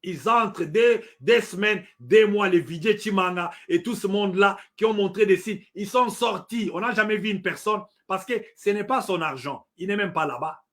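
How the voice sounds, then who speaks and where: Middle-aged congolese guy ranting about politics, highish voice, keeps repeating himself, lots of um-like fillers. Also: moderate pace, few pauses, fairly bright tone. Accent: Congolese French. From Democratic Republic of the Congo. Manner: emphatic, repeats points, hesitant fillers. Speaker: political commentator. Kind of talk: impassioned political commentary.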